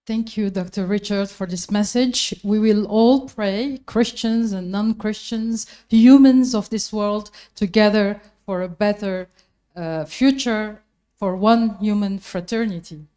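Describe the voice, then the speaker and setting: A woman hosting a graduation ceremony, speaking in a deliberate, formal way. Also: medium pitch, dark tone. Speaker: ceremony host.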